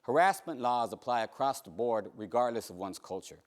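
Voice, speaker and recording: Brief: male co-presenter, mid pitch, emphatic and joking. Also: expressive, moderate pace. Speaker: workplace trainer. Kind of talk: training presentation.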